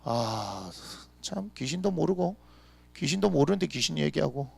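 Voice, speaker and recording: A male pastor preaching a lively, conversational sermon full of rhetorical questions. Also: a little high, normal speed, creaky, slightly rough, dry recording. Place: church.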